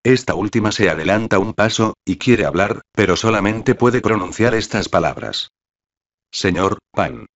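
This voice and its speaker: A man reads a novel aloud in a steady, measured way. His voice is very low and deep. The recording is dull and lo-fi, without much sparkle. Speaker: audiobook narrator. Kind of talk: scripted narration.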